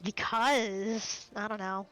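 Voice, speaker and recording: A woman's voice: mid-range voice, fairly even intonation, slow pace, pushed and bright, faint music behind, poor audio. A woman chatting casually with a friend while they play a game together, easygoing and chuckling. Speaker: friend playing along. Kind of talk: casual gaming chat.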